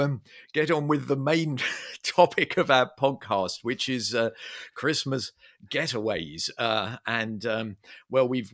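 A man co-hosting a travel podcast, laughing easily and pausing with many ums and uhs. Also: mid-range voice, fairly bright tone. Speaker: podcast co-host. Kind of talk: casual podcast chat.

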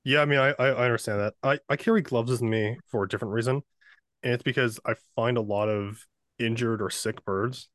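A man's voice: medium pitch, fairly even intonation, a little fast, fairly bright tone. A man hosting a podcast in casual chat, often stammering and restarting his sentences.

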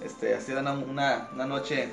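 A Mexican man talking as a podcast guest, soft-spoken and hesitant, with many fillers. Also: medium pitch, level tone, normal speed, gravelly, music in the background. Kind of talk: casual chat.

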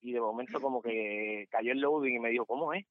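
A man's voice: medium pitch, a little fast, no room sound. A man telling funny work stories on a podcast, animatedly acting out the people in them. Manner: animated, acts out other people's voices. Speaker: podcast guest storyteller. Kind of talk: comic storytelling. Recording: slightly dull, dry podcast mic.

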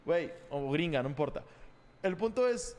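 Mexican guy co-host, high and bouncy voice, slangy, echoey hall. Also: moderate pace. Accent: Mexican Spanish. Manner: animated, slangy, jokey. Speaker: podcast co-host. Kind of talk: casual chat among friends.

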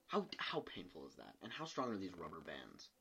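Giggly young man, bright voice. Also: sits low, wildly swooping pitch, brisk, vocal fry, breathy edge. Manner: giggly, jokey, laughs often. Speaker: podcast co-host. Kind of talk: casual chat.

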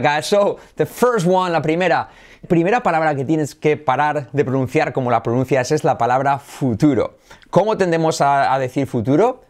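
Man, spanish accent, middle-aged, english teacher, video lesson, lively, repeats practice words. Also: mid-range voice. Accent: Spain.

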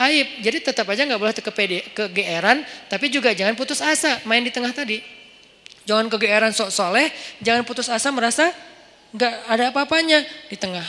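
A man preaching in a casual, storytelling way with a light touch, acting out dialogue with lively shifts of voice in a large mosque hall. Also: very high voice, a little hiss or hum. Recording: long hall reverb.

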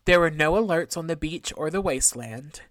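A woman's voice: sits low, normal speed, no echo, studio quality. A woman hosting a podcast, telling a true-crime story from notes in a conversational way, with casual asides and some trouble pronouncing her Rs. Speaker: podcast host.

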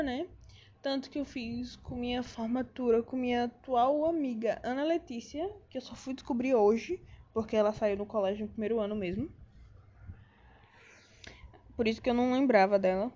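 A woman's voice: fairly high pitch, mellow. A young woman with a Brazilian Portuguese accent, chatting to viewers in a casual, rambling way, full of slang and restarts. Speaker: vlogger. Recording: dull lo-fi sound.

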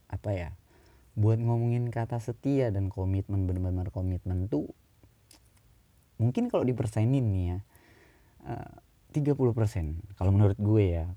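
A young man talks through relationship advice in a loose, slangy monologue, his pitch leaping upward when he pushes a point. His voice is low and very dark and mellow. The sound is dry and close, with no room echo. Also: highs cut off. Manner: chatty Jakarta slang, rising pitch when stressing points.

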